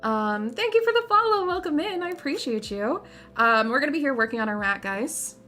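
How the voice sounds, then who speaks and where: A woman's voice: high-pitched, expressive, fairly quick, pushed and bright. A young woman livestreaming in casual chat, with a cute, gushing anime-streamer delivery and playful, slangy phrasing. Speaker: VTuber livestream host. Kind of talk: casual livestream chat while painting miniatures.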